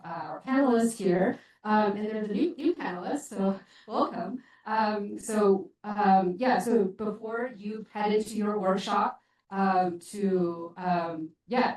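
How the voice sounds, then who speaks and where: A woman's voice: medium pitch, a little mellow. Woman moderator, hesitant with fillers, very echoey hall. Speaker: panel moderator. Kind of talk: moderating a panel discussion. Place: conference hall.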